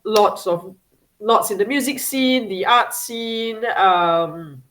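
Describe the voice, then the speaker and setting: A woman's voice: medium pitch, slow, a bit bright, poor audio. A woman from Singapore, a guest chatting casually in an interview, with many fillers, restarts and laughs.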